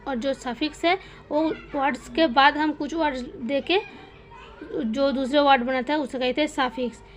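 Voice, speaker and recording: A woman with an Indian accent teaching an English syllabus, patiently asking questions and answering them herself. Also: high voice. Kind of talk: explanatory lesson in Hindi with English examples.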